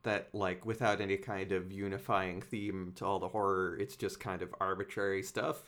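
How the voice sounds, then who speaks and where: A man's voice: low voice, level tone, normal speed, fairly bright tone. A man appearing as a guest on a movie podcast, making dry, wry remarks in casual chat.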